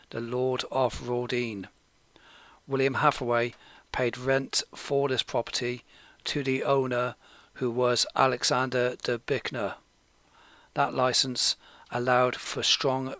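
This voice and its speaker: A man from Gloucestershire, England, giving scripted documentary narration in a steady, measured, informative way. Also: mid-range voice, no room sound.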